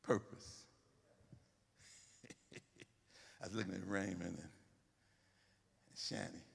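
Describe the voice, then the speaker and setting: A man preaching a sermon, animated and repetitive, calling out to the congregation to respond. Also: low voice, slow pace, gravelly, husky, long reverb tail.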